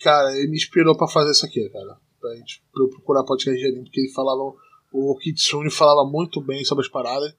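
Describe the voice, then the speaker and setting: A man's voice: medium pitch, steady tone, fast, a bit bright, husky. A Brazilian man with a smoker's voice chatting casually and slangily as a podcast co-host. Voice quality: smoky smoker's voice.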